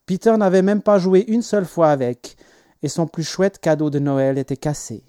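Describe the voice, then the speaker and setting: A man narrates an audiobook in a measured, expressive reading, his voice sitting a little high for a man. The sound is close and dry, with no room echo. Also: clear, resonant tone. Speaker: audiobook reader. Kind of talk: scripted narration.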